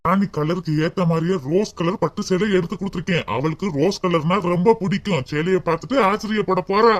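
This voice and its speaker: A man's voice: sits high, fast, close to an everyday voice. A man voicing a fond, cheerful young husband in a cartoon, chatty, with a southern Tamil accent. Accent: southern Tamil, Tirunelveli.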